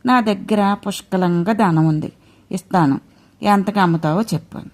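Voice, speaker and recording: A woman voicing a wealthy, insistent old Brahmin man who lectures slowly while haggling, in a told myth. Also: medium pitch, darkish tone, lightly acted. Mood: lecturing.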